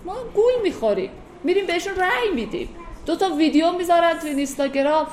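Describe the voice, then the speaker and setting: A woman explaining classical poetry in a casual, lively lecture, speeding up into wry asides. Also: extremely high pitch. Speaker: teacher explaining Persian poetry. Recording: echoey room, faint ambient noise.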